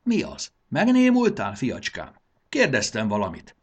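A man voicing a fussy, cheerful old male gurgó in a storybook reading, his voice pushed high and excitable. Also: breathy edge. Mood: cranky. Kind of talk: audiobook character voice.

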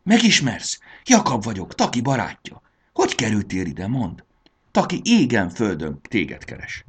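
A man voicing a polite, curious schoolboy who speaks softly. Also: lowish voice, wildly swooping pitch, slight background noise, pitched above the performer's own voice. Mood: eager. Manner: polite, whispering.

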